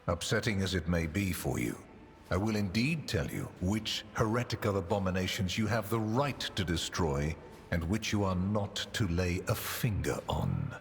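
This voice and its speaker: Cold pious accusing inquisitor for a game, swoopy suave delivery, big echoing hall, music under it. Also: male voice, deep voice, expressive, normal speed. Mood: cold, menacing. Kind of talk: video game voice acting. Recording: long reverb, music behind.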